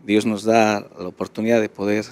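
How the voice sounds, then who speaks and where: A man's voice: fairly low pitch, level tone, a little fast, darkish tone, smooth. A man from Bolivia, a polite and somewhat hesitant guest on a studio program. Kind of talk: studio interview.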